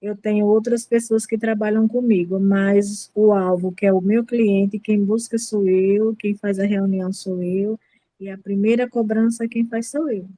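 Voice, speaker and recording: A woman's voice: mid-range voice, fairly even intonation, a little slow, dark tone, no room sound, low-quality recording. A woman from in northeastern Brazil, introducing her collection business firmly and emphatically on a video call. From Sergipe, Brazil. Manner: firm, emphatic, self-assured. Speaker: debt collection business owner.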